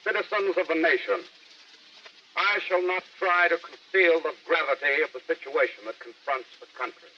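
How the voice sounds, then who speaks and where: A man's voice: a little high, normal speed, sharp tone. An actor playing a solemn male government official giving a formal address to the nation in a 1930s radio drama, heard through an old AM radio broadcast. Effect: old AM radio broadcast sound. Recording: distant, muffled 1938 radio broadcast with hiss.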